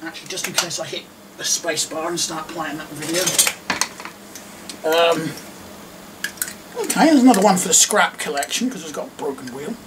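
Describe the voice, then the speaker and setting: There's a crowd in the background as a middle-aged Englishman, a vlogger who collects diecast cars, rambles while sorting toys at an indoor desk and jokes at his own expense. His voice is a little high, his speed normal with long pauses, and a distant mic picks up clicks and clatter.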